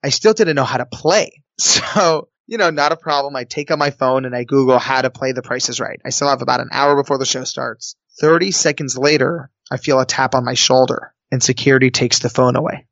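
A man telling a personal story in a lively, comic, conversational way on an interview. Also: medium pitch, brisk, vocal fry, few pauses, no echo, lo-fi sound. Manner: lively, comic, jumps into quoted voices.

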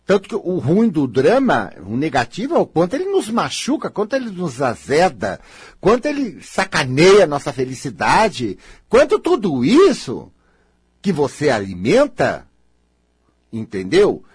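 A man's voice: a little high, wildly swooping pitch, measured pace, darkish tone, husky, no echo. A middle-aged man with a Brazilian Portuguese accent, coaching a participant in a live counseling session in a teasing, emphatic, coaxing way.

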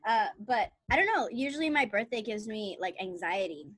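This podcast co-host, a woman in her thirties, keeps the chat casual with giggly storytelling and plenty of laughs. Her mid-range voice is sing-song and fairly bright at a moderate pace, recorded dry.

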